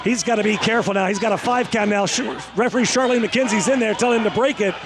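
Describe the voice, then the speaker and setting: High-pitched, exclamatory male wrestling commentator. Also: steady tone, quick pace. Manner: emphatic, exclamatory, bursting into shouts at big moves. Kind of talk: excited wrestling play-by-play commentary. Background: music, arena.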